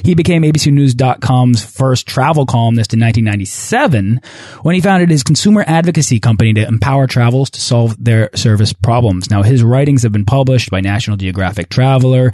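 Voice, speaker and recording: A man's voice: medium pitch, fairly quick, a little mellow, no echo, clean studio sound. A man hosting a podcast, reading an upbeat intro and interviewing a guest. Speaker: podcast host.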